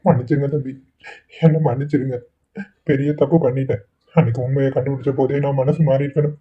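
A man plays an ailing village father in a cartoon, begging forgiveness in a slightly high, husky voice. The sound is thin and tinny, like a phone line. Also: steady tone, quick pace. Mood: remorseful. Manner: tearful, pleading apologies. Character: ailing remorseful village father, middle-aged. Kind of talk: Tamil cartoon voice acting.

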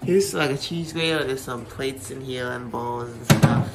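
Holding his phone camera as he walks, a man gives a rambling tour of a rental house's kitchen and living room indoors. He speaks at medium pitch, halting often with fillers and restarts, while loud handling noise and clicks mar the recording.

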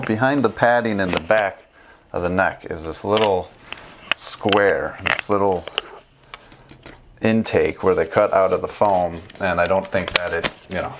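A man's low-sitting voice comes through over a noisy background as he, a motorcycle travel vlogger in his thirties, casually shows a gear install. He's at his desk in a small home room lined with bookshelves, talking in a chatty way with fillers and restarts.

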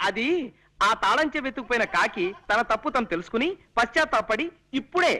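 An actor playing an excitable, lovestruck young man in a comedy film, talking in theatrical rapid patter. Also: very high-pitched, exaggerated voice. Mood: scheming. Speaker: comic young lover in a film. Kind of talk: Telugu comedy film acting.

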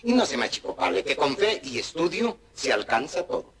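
A man's voice: fairly high pitch, very animated, fairly quick, vocal fry, a bit bright, heavily acted. A man playing a cheeky, boastful streetwise talker who rambles through jumbled wordplay in a vintage TV comedy sketch. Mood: cheeky rambling. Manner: rambling, wordplay-laden chatter. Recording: old TV sketch with audience laughter. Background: studio audience laughing.

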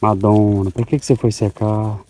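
A man's voice: fairly low pitch, little pitch movement, normal speed, warm tone. A man from Goiás with a Goiás Portuguese accent, vlogging casually on his farm and talking affectionately to his cows. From Goiás, Brazil. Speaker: farmer vlogger. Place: outdoors on a cattle farm.

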